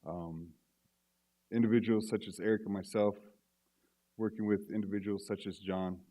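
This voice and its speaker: A man on a panel stage making measured, reflective remarks. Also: fairly low pitch, steady tone, dark tone. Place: stage at a library event.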